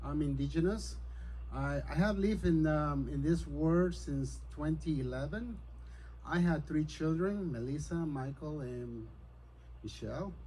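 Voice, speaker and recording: A man's voice: on the high side, a little slow, slight background noise, poor audio. A middle-aged man from Peru gives an earnest, somewhat hesitant campaign speech as a city council candidate at a community meeting. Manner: earnest, hesitant, grows forceful.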